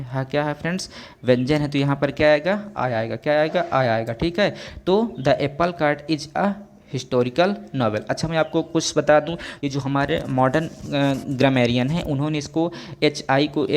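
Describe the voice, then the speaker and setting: A male grammar teacher, giving a classroom lecture, who keeps turning his points into questions for the viewers and slows right down to spell out example sentences. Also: mid-range voice. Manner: slow and drawn out on example sentences.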